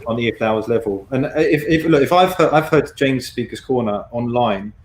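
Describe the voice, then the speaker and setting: A man's voice: medium pitch, a little fast. Defensive man talking over others, echoey room. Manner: defensive, repetitive, interrupting. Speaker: guest caller. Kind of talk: heated debate.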